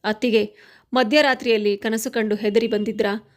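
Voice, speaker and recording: A woman's voice: a little high, fairly even intonation, normal speed, lightly acted. Kavya, a woman reading a sly scheming sister-in-law. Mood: mocking. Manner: sweetly sly, mocking.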